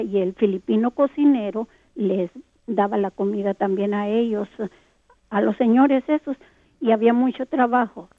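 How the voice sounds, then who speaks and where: A woman's voice: medium pitch, dry recording. An older woman from Texas, calling in to a radio show and telling a long rambling story. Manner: rambling storyteller, many fillers. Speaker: radio caller. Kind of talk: phone-in recollection. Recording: tinny phone line.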